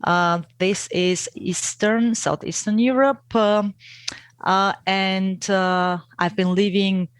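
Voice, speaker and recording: A woman's voice: medium pitch, fairly even intonation, takes it slowly, smooth, no room sound. A middle-aged woman from Bulgaria with a Bulgarian accent, answering interview questions hesitantly with many fillers. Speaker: guest expert.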